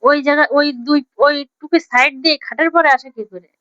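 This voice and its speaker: A woman's voice: high voice, quick pace, a bit bright, no echo, highs cut off. A woman chatting casually with her husband, teasing and playfully scolding him. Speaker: vlogger.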